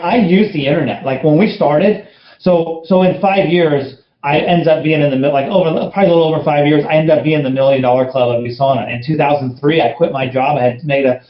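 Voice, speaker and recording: Blunt motivational man, roomy dull sound. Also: fairly high pitch. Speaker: network marketing leader, interview guest. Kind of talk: casual interview storytelling.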